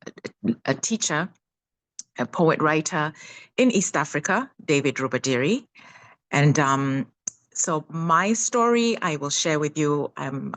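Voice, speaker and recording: A low-pitched woman in her fifties, originally from Uganda, tells her own story slowly and haltingly, full of fillers. She speaks into a phone on a video call. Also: a bit bright, low-quality recording. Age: 50s. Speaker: guest speaker. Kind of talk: personal testimony on a video call.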